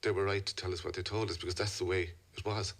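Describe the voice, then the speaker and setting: A middle-aged man with a west of Ireland accent tells a personal story as a radio interview guest. His voice sits fairly low. He phrases things deliberately, pausing and repeating words as he goes. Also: flat delivery, fairly bright tone. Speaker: interview guest, a father telling a family story.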